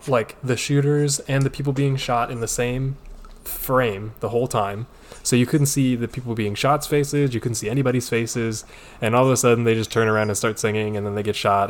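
A man co-hosting a casual movie-review chat, easygoing and analytical, joking lightly as he picks apart details. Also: mid-range voice. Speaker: podcast co-host.

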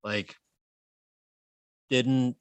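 A man's voice: medium pitch, fairly even intonation, very slow, crowd noise. A man co-hosting a casual podcast, telling stories loosely and swearing freely. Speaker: podcast co-host and improv comedian.

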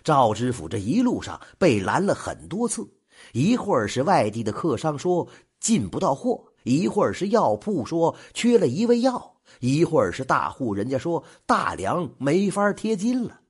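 A man narrating a folk tale in an animated storytelling manner, stretching the ends of phrases. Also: on the high side, slightly rough. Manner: animated, drawn-out particles.

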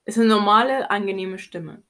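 A young woman co-hosting a podcast in casual chat, loud, blunt and joking. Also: mid-range voice, moderate pace. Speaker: podcast co-host.

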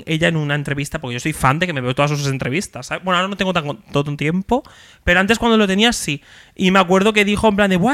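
A young man, animatedly telling a story on a casual podcast chat. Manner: animated, acts out quotes with big jumps in pitch. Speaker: podcast co-host.

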